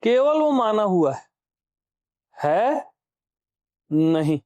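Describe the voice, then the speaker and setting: A man's voice: sits high, big pitch swings, extremely slow, darkish tone, dry recording, lo-fi sound. A man giving a satsang discourse as a spiritual teacher. He questions his listeners, repeats key phrases, and urges them on.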